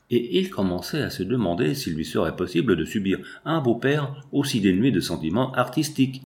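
A man narrating a classic novel in an audiobook, in a measured, even reading. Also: lowish voice. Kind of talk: scripted narration.

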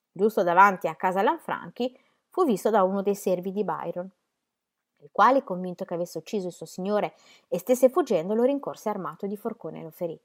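Female reader, mid voice, measured and expressive letter reading. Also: medium pitch. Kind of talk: reading historical letters aloud.

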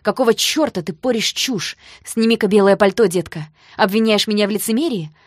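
A woman's voice: mid-range voice, brisk, no room sound, clean studio sound, lightly acted. A woman reading the lines of a proud, hot-tempered young man in an audiobook, with a heated, biting delivery. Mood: angry.

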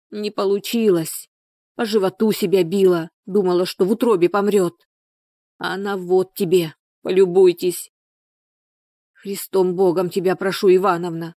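A woman's voice: mid-range voice, darkish tone, dry recording, clean studio sound, natural voice. A woman voicing an exhausted, bitter peasant woman in labor who moans and speaks harshly. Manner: moaning, harsh, desperate.

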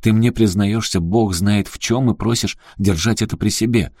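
A man's voice: fairly low pitch, fairly even intonation, normal speed, a little mellow, no room sound, pitched above the performer's own voice. A man voicing an insistent, agitated man who presses a friend hard in an audiobook. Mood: heated. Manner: pressing, heated.

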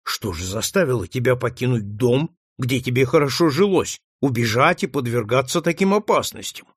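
A man's voice: medium pitch, lively intonation, moderate pace, breathy edge, no room sound, clean studio sound. A man reading the part of a middle-aged senator, asking blunt questions. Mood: questioning.

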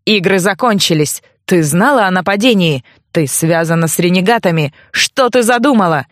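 A woman's voice: on the low side, expressive, moderate pace, no echo, clean studio sound, lightly acted. A woman voicing an angry, suspicious young nobleman who barks harsh threats. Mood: furious.

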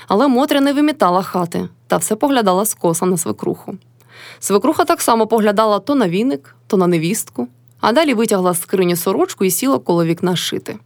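A woman reading a classic novel aloud as audiobook narrator, with measured storytelling. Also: medium pitch, darkish tone, no room sound.

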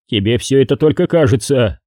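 Man doing a shaken pilot, forced calm, soothing, mellow, husky, audiobook. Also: mid-range voice, brisk, no room sound, studio quality, lightly acted. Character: shaken male submarine pilot trying to stay calm.

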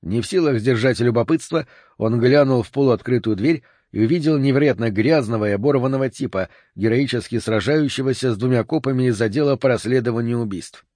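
A male audiobook narrator with a mid-pitched voice, reading in a measured, expressive manner. The recording is dry and close, with no room sound. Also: no room sound.

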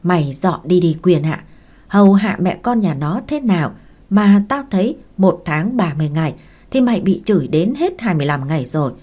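A woman's voice: fairly low pitch, expressive, fairly quick, mellow. A woman voicing a blunt, talkative older neighbor woman. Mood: indignant. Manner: blunt, chatty.

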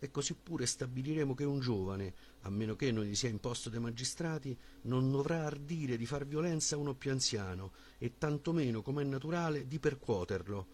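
A man reading a philosophical dialogue as an audiobook in a measured, formal voice with a husky tone. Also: mid-range voice, a little mellow. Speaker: audiobook reader.

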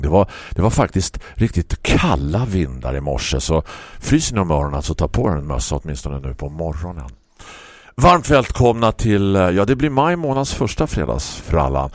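A man's voice: deep voice, a little mellow, no room sound, clean studio sound. A man hosting a morning radio talk show, telling a wry story in a leisurely way. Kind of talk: reading a personal story on radio.

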